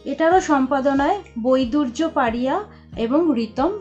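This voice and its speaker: A woman's voice: high-pitched, normal speed, a little mellow. A woman chatting casually in a vlog, talking with frequent hesitations and restarts. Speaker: vlogger. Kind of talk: casual vlog chat showing books. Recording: slightly dull lo-fi sound with faint music.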